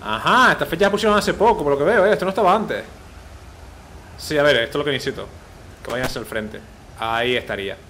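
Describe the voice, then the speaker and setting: A man's voice: on the high side, fast talker, pauses often, sharp tone, slight background noise. A man, a gaming video host giving casual gameplay commentary, chatty and thinking aloud with repeated filler words.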